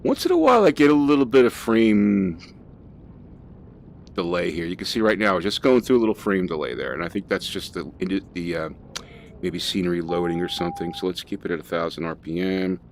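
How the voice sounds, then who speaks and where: A man's voice: sits low, sing-song, fairly quick, gravelly, slight background noise. A man casually talking through a flight simulator session, thinking aloud with fillers as he flies. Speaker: flight sim streamer. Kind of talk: casual gameplay commentary.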